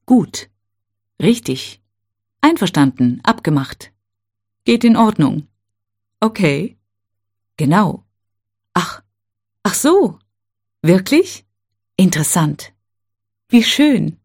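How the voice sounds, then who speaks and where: A woman teaching a language, reading set phrases one at a time in a slow, careful, clearly spaced way. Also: on the low side, very animated, darkish tone.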